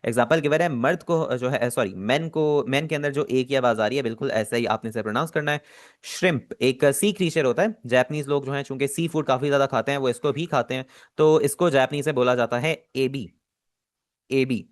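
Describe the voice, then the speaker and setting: A man teaching an online Japanese class, explaining patiently and repeating words slowly. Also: medium pitch.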